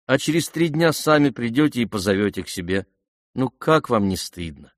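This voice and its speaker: A man voicing a meek, gentle young prince who speaks mildly and patiently in an audiobook. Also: mid-range voice, expressive, moderate pace, dry recording, clean studio sound, natural voice. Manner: mild, patient, earnest. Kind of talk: audiobook character voice.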